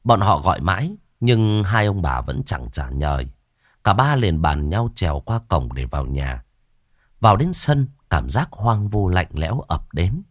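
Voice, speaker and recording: A man narrating a horror story in a dramatic, expressive way. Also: sits low, measured pace, no echo, clean studio sound.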